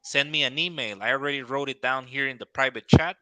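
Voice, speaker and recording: Bright-voiced male English teacher. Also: mid-range voice, moderate pace, dry recording.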